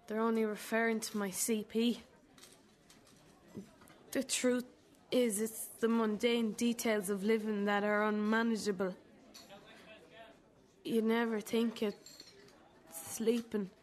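A woman acting as a wounded, bitter adult daughter in a drama, accusing her mother in a halting, deliberate way. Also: fairly high pitch, a little mellow. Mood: bitter, vulnerable. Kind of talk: dramatic two-hander dialogue.

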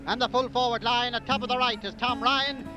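High-voiced Irish radio match commentator. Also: male voice, a little fast, faint music behind. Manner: lively, formal, announcing team line-outs. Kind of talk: live 1950s radio sports commentary.

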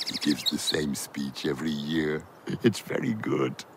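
A man voicing a deep, kindly old talking wall. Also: expressive, a little slow, slightly rough, heavily acted. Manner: warm, cheerful, gently amused.

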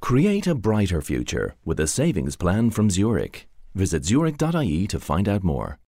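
Male announcer, deep voice, lively sponsor read. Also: normal speed, no room sound, clean studio sound. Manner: polished promotional read.

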